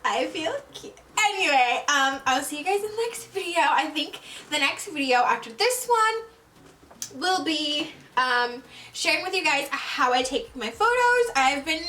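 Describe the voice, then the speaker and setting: Chatty young woman, high bright voice. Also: a little hiss or hum, low-quality recording. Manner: chatty, loose, with slang and fillers. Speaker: beauty vlogger. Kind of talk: casual get-ready-with-me vlog.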